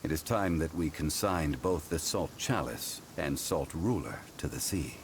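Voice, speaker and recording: Zhongli, a deep, solemn ancient god. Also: male voice, lively intonation, noisy background, exaggerated voice. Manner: measured, formal and unhurried. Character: ancient god in human form, calm, dignified, scholarly man. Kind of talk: game cutscene voice acting. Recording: game music under the voice.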